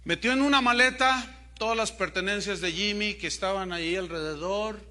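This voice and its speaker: Emphatic high-voiced male pastor. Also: moderate pace. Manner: emphatic, swinging from loud to soft, rhetorical questions. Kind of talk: sermon.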